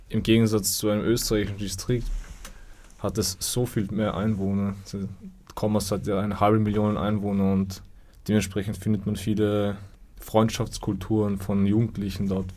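A man's voice: on the low side, flat delivery, moderate pace, mellow. A young man, a guest artist answering radio interview questions thoughtfully, a little hesitant. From Vienna, Austria. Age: young adult.

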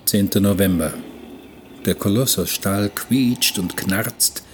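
An actor narrates the voyage diary of a watchful new galley hand in a radio play, calm and reflective in pace. The voice is lowish, and there's a slight hiss or hum.

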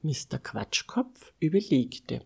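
A woman reads a bedtime story to children in a low, husky voice, taking her time. She is expressive, swinging widely in pitch and slipping into whispers for the asides. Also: takes it slowly.

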